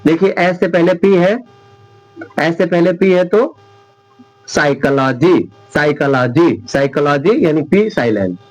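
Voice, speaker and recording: A man teaching English spelling rules at a whiteboard, repeating each example word slowly and often checking whether his viewers understand. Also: high-pitched, animated, a little mellow, poor audio. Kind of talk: whiteboard classroom lesson.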